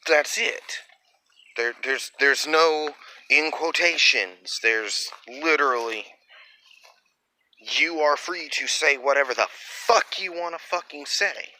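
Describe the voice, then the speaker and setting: A man's voice: on the high side, slow pace, sharp tone, a little hiss or hum, low-quality recording. A man delivering a blunt, profane opinion monologue in a ranting way.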